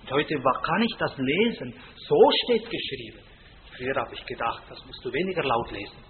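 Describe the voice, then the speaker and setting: A man's voice: mid-range voice, animated, fairly quick, slight background noise. A man preaching a sermon in a folksy, emphatic way, often adding a questioning "gell?". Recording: tinny lo-fi line in a reverberant hall.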